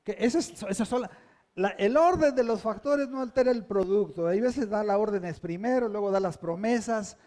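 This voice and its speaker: Male pastor, high voice, emphatic sermon delivery, keeps asking the congregation questions. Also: normal speed, dark tone.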